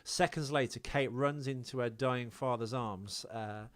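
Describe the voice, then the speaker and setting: Speaking a little slowly at a medium pitch, a male podcast co-host reads out a film's continuity errors. It's casual movie-commentary chat, and he explains the details as he goes.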